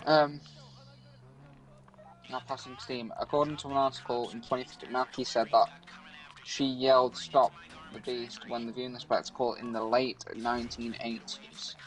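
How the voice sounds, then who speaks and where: A man of middling pitch reads a spooky article aloud, tripping over words and restarting sentences. He breaks off now and then to react to the video game he is playing. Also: little pitch movement, soft background music, low-quality recording. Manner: halting reading with frequent stumbles and restarts. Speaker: podcast co-host. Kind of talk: reading urban legends aloud while playing a video game.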